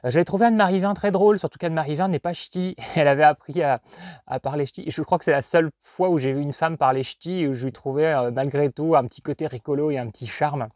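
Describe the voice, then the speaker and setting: A man's voice: on the high side, fast, a little mellow, dry recording. Rambling man with a dry sound. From northern France. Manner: rambling, digressive, hesitant with many fillers. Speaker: collector vlogger. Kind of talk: casual chat.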